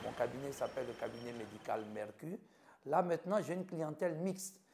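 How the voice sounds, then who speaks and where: In an interview about his life, this Ivorian doctor in his fifties speaks earnestly with an Ivorian French accent, breaking his account into short listed phrases. His medium-pitched voice stays steady and fairly quick, and there's background noise.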